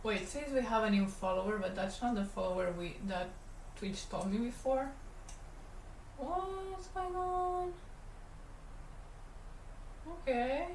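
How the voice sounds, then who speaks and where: Chatting casually with her livestream while she animates, a woman from Catalonia, Spain, speaks slowly with long pauses in a voice on the high side. Catalan is her first language and she has a Spanish Catalan accent. She rambles in a relaxed way as she draws in an animation studio room, and the recording sounds roomy with a faint background hum.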